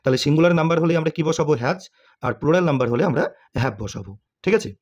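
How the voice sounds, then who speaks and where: A man's voice: on the high side, expressive, very fast, darkish tone, lo-fi sound. A man teaching English grammar to students, asking questions and answering them himself, with frequent "okay?" check-ins.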